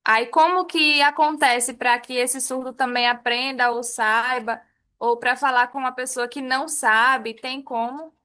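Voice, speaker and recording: A woman asks her question tentatively, working her way toward it. Her voice is high and bright. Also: fairly even intonation, a little slow. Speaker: student asking a question.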